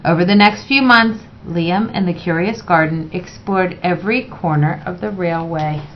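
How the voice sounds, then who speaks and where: A woman reading a children's picture book aloud in a measured, expressive way. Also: on the low side, a little hiss or hum. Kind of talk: read-aloud children's story narration. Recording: dull, lo-fi sound.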